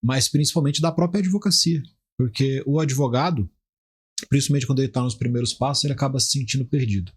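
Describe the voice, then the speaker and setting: A Brazilian criminal defence lawyer in his forties, appearing as a podcast guest, answers interview questions conversationally and explanatorily, often restarting his phrases. His voice is medium-pitched, quick and husky.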